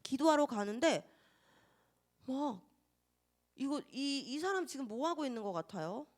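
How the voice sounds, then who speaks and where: A woman's voice: sits high, measured pace. A young woman teaching a Sunday school Bible lesson to children, asking them questions and acting out little scenes. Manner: lively, asks children questions and acts out scenes.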